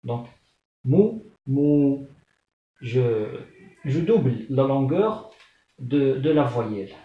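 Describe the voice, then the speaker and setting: A man's voice: medium pitch, takes it slowly. A man teaching an Arabic lesson, patiently sounding out syllables one by one and repeating them. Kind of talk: slow spelled-out language lesson. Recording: echoey room, dull lo-fi sound.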